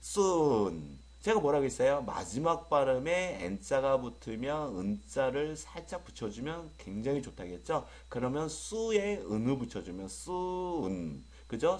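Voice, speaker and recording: In an online lecture, a man with a medium-pitched voice teaches English pronunciation. He says words slowly, stretching the vowels, and jokes lightly with the students he calls his friends.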